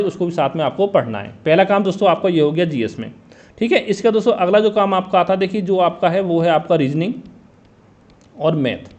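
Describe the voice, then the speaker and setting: A man with a high, quick voice gives an exam strategy talk, briskly listing what to study and often turning to his listeners. The sound is dull and lo-fi. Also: a little mellow. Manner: brisk, keeps saying "dosto" and "theek hai". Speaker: exam coach.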